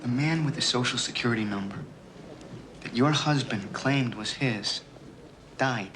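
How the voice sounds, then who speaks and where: A halting, apologetic office clerk who breaks bad news with care. His voice sits in a middle register. It comes through a worn tape copy, thick with steady hiss. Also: mid-range voice. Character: hesitant male benefits clerk delivering bad news. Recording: hissy worn videotape film clip.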